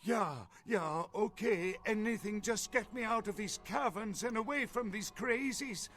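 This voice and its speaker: A man's voice: high voice, unhurried, fairly bright tone, soft background music. A man voicing an anxious, indignant archaeologist who is held captive in a video game, with a scholarly, lecturing manner. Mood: agitated.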